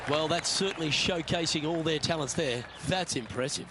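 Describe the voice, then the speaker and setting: A man giving golf commentary as lead announcer, calling each shot in short, measured phrases. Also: fairly high pitch. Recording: crowd and outdoor noise behind.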